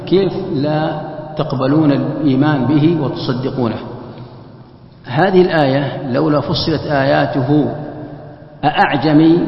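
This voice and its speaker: A man teaches Quran exegesis at a patient pace, returning to the same words and putting questions to his listeners, now and then chanting a verse. His voice sits at an ordinary middle pitch. The recording is muffled and carries a long hall reverb. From Saudi Arabia. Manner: explains slowly, repeats phrases and rhetorical questions. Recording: dull echoey hall recording.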